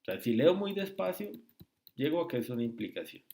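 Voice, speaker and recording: A man tutoring logic in a screen-recorded lesson, speaking slowly and often checking with "¿sí?" and "¿listo?". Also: mid-range voice, sing-song, warm tone. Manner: slow, repetitive, asks rhetorical checks.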